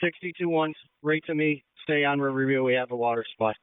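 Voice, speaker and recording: A man's voice: on the high side, quick pace, clear, resonant tone, dry recording. A man, a firefighter at the scene, giving status reports over the radio. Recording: tinny narrowband radio.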